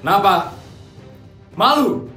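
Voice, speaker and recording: A cold, mocking cartoon woman taunts the people who once insulted her, voiced by a cartoon actor. Her voice is mid-pitched and carries a roomy echo, with faint music under it. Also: lively intonation, slow, sharp tone. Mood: taunting. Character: once-humiliated woman now gloating over a family. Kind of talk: cartoon voice acting.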